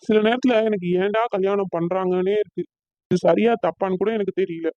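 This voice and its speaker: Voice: medium pitch, steady tone, brisk, no room sound, dull audio, lightly acted. A performer voicing a hurt, resentful young man in a cartoon, brooding and bitter.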